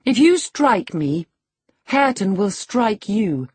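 A narrator voicing a reckless, sharp-tongued young woman, pert and taunting, in an audiobook. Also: mid-range voice, fairly even intonation, measured pace, husky, no echo.

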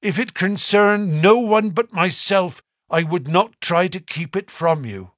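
A man's voice: sits high, expressive, measured pace, dry recording, clean studio sound, voice pushed up. A man voicing a frightened, agitated butler who pleads and stammers in a storybook reading. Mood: pleading. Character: frightened, agitated middle-aged male butler.

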